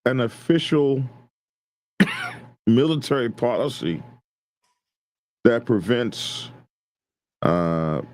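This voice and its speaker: A man co-hosting a podcast, explaining things in a measured, casual way with frequent pauses. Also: mid-range voice, big pitch swings. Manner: measured, explanatory, hesitant fillers. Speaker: podcast co-host.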